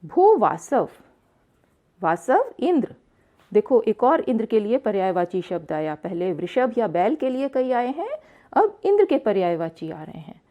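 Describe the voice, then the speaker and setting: A woman teacher works through a lesson line by line in an unhurried, measured delivery. Her pitch rises and falls a great deal as she repeats and explains each phrase. The recording is dull and lo-fi. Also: sing-song, warm tone. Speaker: Sanskrit teacher.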